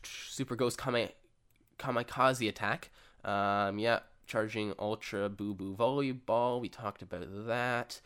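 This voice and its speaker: Rambling young man with a low voice. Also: fairly even intonation, takes it slowly, fairly bright tone, clear, resonant tone. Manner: rambling, reads stats aloud with fillers. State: hiccups. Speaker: podcast co-host. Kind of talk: casual gaming chat.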